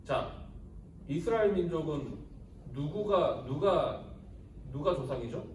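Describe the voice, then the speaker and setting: A man's voice: a little high, slow, a little hiss or hum. A man in his thirties, a youth pastor, giving a casual sermon to teenagers and quizzing them as he tells the story. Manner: animated storytelling, asks the audience questions. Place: church hall. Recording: echoey room from a distance.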